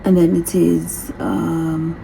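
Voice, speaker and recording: Speaking slowly in a deep, gravelly voice with little pitch movement, this thirties vlogger from another continent works through a get-to-know-me question list. She reads each question aloud, chats casually and repeats herself a lot, recorded on a phone with background noise.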